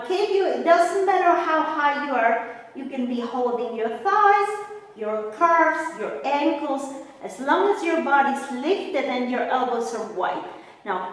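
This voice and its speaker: A woman leads a Pilates class in a high voice, giving unhurried cues and counts. Her manner is gentle and encouraging. The recording is heavily reverberant, with her voice some distance from the mic in a big room. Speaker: Pilates instructor leading a mat class. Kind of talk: exercise class instruction, step-by-step cues and counting.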